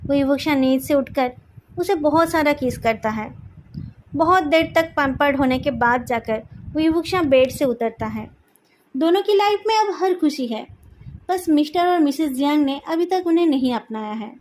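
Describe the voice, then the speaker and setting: High-voiced woman narrating a story. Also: expressive, normal speed. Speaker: fan fiction narrator.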